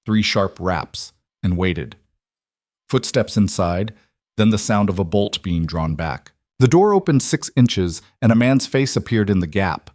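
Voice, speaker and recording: A man narrating a scripted Western story in a steady, measured way. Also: lowish voice, dry recording, clean studio sound.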